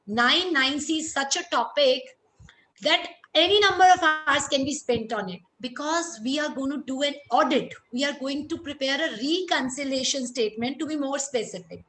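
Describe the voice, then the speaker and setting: A woman's voice: sits high, moderate pace, a bit bright. A woman with a North Indian accent giving an interactive webinar lecture, addressing listeners directly and mixing some Hindi into her English. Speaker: lecturer, chartered accountant. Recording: roomy echo, clear background noise.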